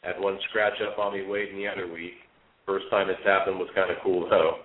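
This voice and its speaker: He's a co-host on a fishing talk show, phoning in through an echoey, tinny speakerphone. His voice is low and fairly quick with little pitch movement, and he relaxes into casual chat and a read-aloud report, stumbling through fillers and restarts.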